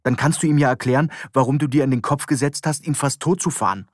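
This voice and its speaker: A man's voice: mid-range voice, quick pace, dry recording, clean studio sound, pitched above the performer's own voice, natural voice. A man reading an audiobook, voicing an impatient woman who talks curtly and bitingly. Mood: sharp. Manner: curt, biting. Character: sharp, impatient woman, quick to scold.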